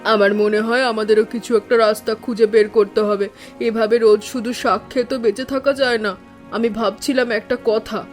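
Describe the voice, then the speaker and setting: In a Bengali cartoon story, a woman with a slightly high, natural voice plays an earnest, dutiful village daughter-in-law who is worried yet resolute. She speaks at a normal speed with fairly even intonation, and faint music plays behind her.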